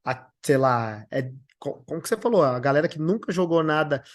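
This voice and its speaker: A man's voice: a little high, animated, a little fast. A man in a casual podcast chat, reacting and adding points eagerly.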